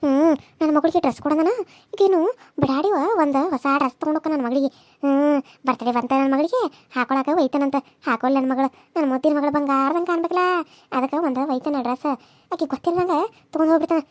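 A woman's voice: high voice, quick pace, a little mellow, no room sound, natural voice. A woman voicing a scheming older village mother in a cartoon serial, muttering sly asides in a North Karnataka accent. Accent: North Karnataka Kannada.

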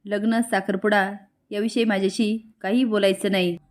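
A woman's voice: medium pitch, little pitch movement, normal speed, close to an everyday voice. A woman reading the lines of a stern young policeman in a serial recap, speaking curtly and sounding troubled. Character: stern young man, a police officer in love.

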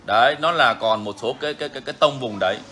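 A man's voice: mid-range voice, fast talker, bright, forceful tone, slight background noise. A man hosting a bird-keeping channel, talking casually and frankly to viewers, repeating himself often. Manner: frank, repetitive, chatty.

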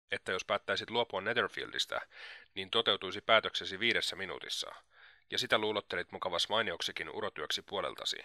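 A man reading the lines of a proud, reserved young gentleman in an audiobook, cool and measured, lecturing at length. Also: deep voice, no echo, studio quality, heavily acted.

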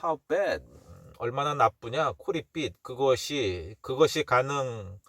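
A Korean-speaking man teaching English pronunciation, saying phrases slowly several times and then explaining them quickly and casually with small laughs. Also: medium pitch, animated, a bit bright.

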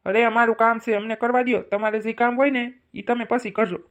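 A woman's voice: a little high, steady tone, fast talker, lo-fi sound, natural voice. A woman playing a blustering male digger operator with a Kathiawadi accent. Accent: Kathiawadi Gujarati. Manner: brusque, blustering, self-important. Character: gruff young male digger operator, impatient. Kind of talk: cartoon comedy voice acting.

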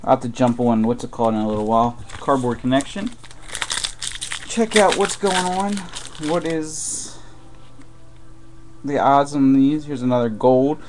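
Here a card break host gives animated yet muttered commentary as he opens trading card packs live, taking his time and pausing often. His medium-pitched voice has a darkish tone. Faint crinkling wrappers can be heard in the room, where boxes rest on a desk.

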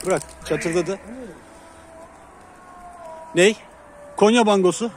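A man with a somewhat high voice talks casually to the camera beside his pigeon loft. He keeps breaking off to call and coax the birds down. Traffic and birdsong fill the noisy outdoor recording around him. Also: slow. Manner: calls and coaxes pigeons loudly, chatty. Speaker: pigeon keeper and channel host. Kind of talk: casual outdoor vlog chat. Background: birds and city traffic.

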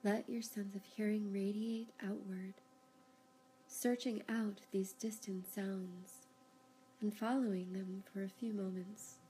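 A woman guides a yoga nidra session, her voice soft-edged and relaxed. She talks in a calm, soothing way and lets long, unhurried pauses fall between instructions, while a faint rumble runs underneath and the audio quality is poor.

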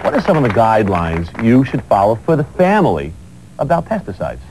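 A man hosting a fitness TV show, coaching a workout with energetic calls and then interviewing a guest. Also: fairly quick, slight background noise, poor audio. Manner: pumped-up coaching calls, lively pitch.

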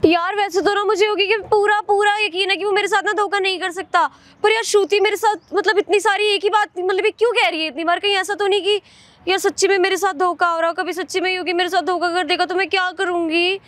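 A fiery older sister, played by a young woman in a comedy sketch, quick to threaten and snap back. Her voice is very high and rapid, and it sounds dry and close to the mic. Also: fairly even intonation, no room sound. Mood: worried. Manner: sharp, combative, threatening.

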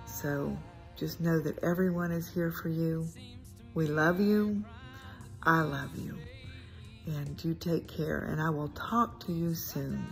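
Woman, very low voice, slow, tender video message, soft music behind.

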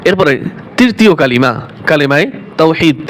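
A man whose first language is Bengali teaches recitation, slowly chanting and drawing out phrases between explanations. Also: fairly high pitch, expressive, a bit bright, a little hiss or hum. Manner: slow, drawn-out chanting of Arabic phrases between quick explanations. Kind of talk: religious pronunciation lesson.

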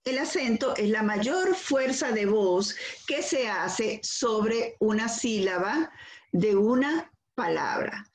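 Slow, careful Venezuelan woman teacher. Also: on the high side, animated. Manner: slow, careful explanation with examples and rhetorical questions. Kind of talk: recorded school lesson on accentuation. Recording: echoey room.

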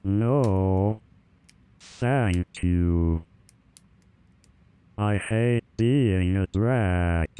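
Very slow, deep, smooth male reader. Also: mellow. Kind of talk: scripted reading of a personal essay.

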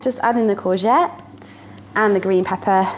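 A young woman with a northern English accent presents a casual cooking demonstration as a student in a small indoor kitchen, over soft background music. Speaking at a medium pitch and moderate pace, she chats playfully, laughs often and makes little sound words.

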